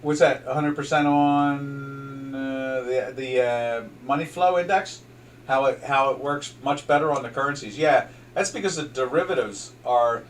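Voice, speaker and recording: Recorded from a distance with a little hiss or hum, this trading show host speaks in an unhurried, medium-pitched voice. He is an older man with a South Jersey accent, from southern New Jersey, USA, giving casual commentary over currency charts that's loose and full of fillers and restarts.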